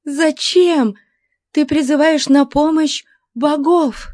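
A woman doing a shrill, terrified captive girl. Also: steady tone, slow, darkish tone, no room sound. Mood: desperate pleading.

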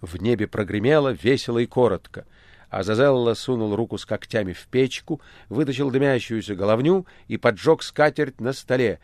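A man narrating a literary audiobook with a measured, expressive reading. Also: mid-range voice, no room sound.

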